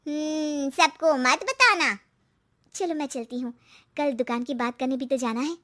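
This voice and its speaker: A woman voicing a hopeful young wife in a cartoon story who talks in a bright, chatty way. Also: high voice, measured pace, pitched above the performer's own voice. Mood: confiding.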